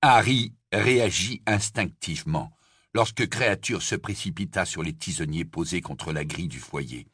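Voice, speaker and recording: A man narrating an audiobook in a measured, expressive storytelling voice. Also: sits low, slightly rough, no echo, clean studio sound.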